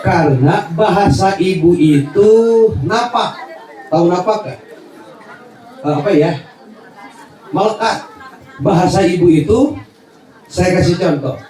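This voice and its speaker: High-voiced Sundanese preacher, echoing outdoors. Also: male voice, a little slow, long pauses. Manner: animated, joking, swings between Sundanese and Indonesian, shouts and laughs. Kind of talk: sermon. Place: outdoor religious gathering before a crowd. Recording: very echoey, far-off, crowd and noise behind.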